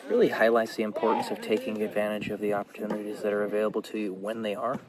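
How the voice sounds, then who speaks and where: A man's voice: on the low side, little pitch movement, fast, a crowd in the background. A man talking casually to his viewers in an unscripted, reflective and informal vlog style, outdoors. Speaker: vlogger. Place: outdoors in a park. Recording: clear background ambient noise.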